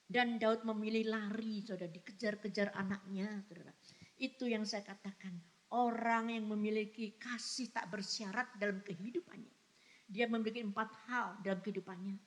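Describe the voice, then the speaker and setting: A woman pastor delivering a sermon in church, with emphatic preaching, rhetorical questions and frequent direct address to the congregation. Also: medium pitch. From Indonesia.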